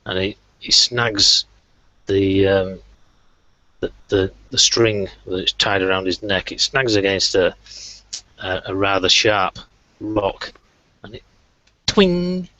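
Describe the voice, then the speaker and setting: A man's voice: low voice, little pitch movement, slow pace, bright, forceful tone, no room sound, muffled recording. A man narrating a tabletop game as game master, hesitant with many fillers.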